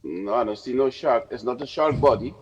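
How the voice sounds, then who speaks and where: A man's voice: mid-range voice, fairly quick, big-room sound, dull audio, slight background noise. A man joining a livestream as a guest, chatting casually and insistently making his point. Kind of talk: casual chat.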